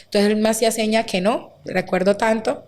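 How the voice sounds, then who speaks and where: A woman's voice: medium pitch, fairly even intonation, brisk. Woman, interview guest, emotional personal testimony, acts out quoted dialogue. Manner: recounts with many quoted dialogues and fillers.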